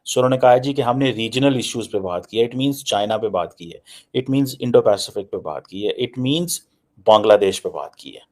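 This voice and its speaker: In a lowish, darkish voice at normal speed, this Pakistani-accented man gives casual news analysis on politics. He's emphatic, repeats himself for effect, and slips English phrases into what he says.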